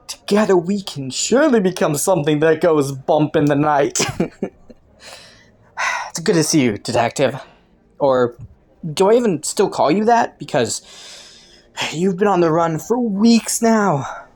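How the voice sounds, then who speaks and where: A woman's voice: sits low, animated, darkish tone, heavily acted. Woman acting flirty, swooping, teasing criminal Killua. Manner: playful, taunting, coy, drawn-out mock innocence. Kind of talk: scripted roleplay audio, intimate monologue to the listener.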